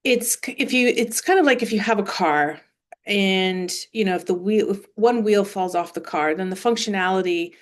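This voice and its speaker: A woman's voice: medium pitch, moderate pace. A woman in her forties, an osteopathic manual therapist, giving a screen-shared presentation and explaining with everyday comparisons and some fillers.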